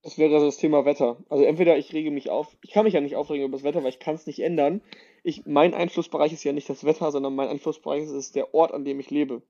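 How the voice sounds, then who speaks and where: Male podcast co-host, rapid casual talker, slightly raised pitch, muffled lo-fi recording. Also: steady tone, dark tone. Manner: talks in quick loose restarts. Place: shared house in Marbella.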